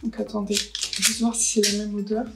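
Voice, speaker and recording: A woman's voice: medium pitch, little pitch movement, a little fast, loud music behind the voice, rough recording. A woman, chatting casually through a beauty haul and unboxing, thinking aloud with lots of hesitations. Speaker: beauty vlogger.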